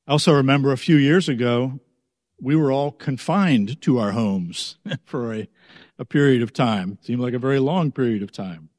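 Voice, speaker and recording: Male pastor from the United States, mid-pitched, unhurried and reflective sermon delivery, long church reverb. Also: a little mellow, studio quality. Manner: slow, measured, reflective delivery.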